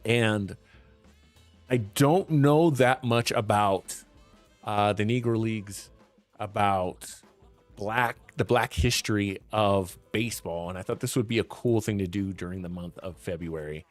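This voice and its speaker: A man's voice: lowish voice, measured pace, soft background music. A young man hosting a casual gaming stream, chatty and laid-back, talking while his voice is worn. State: losing his voice. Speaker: streamer host.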